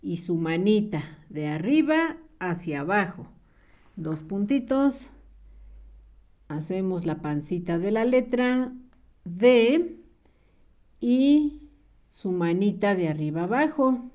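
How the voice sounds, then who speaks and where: A woman teaching young children to read and write, patient and clear, drawing out her words in a sing-song way. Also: mid-range voice, sing-song, slow pace, long pauses, mellow. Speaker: primary school teacher. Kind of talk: slow, clear early-reading lesson for small children.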